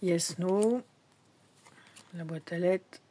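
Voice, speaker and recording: A woman's voice: fairly low pitch, very slow, mellow, breathy edge. A woman in a casual vlog, showing her tarot decks in a chatty, hesitant way with many fillers, sometimes dropping to a whisper. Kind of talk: casual show-and-tell vlog.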